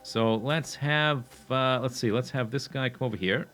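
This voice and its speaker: A man's voice: medium pitch, normal speed, fairly bright tone, faint music behind. A young man casually commenting on his own gameplay as he plans a factory build, thinking aloud with fillers and self-corrections, and he has the hiccups. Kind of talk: casual let's play commentary.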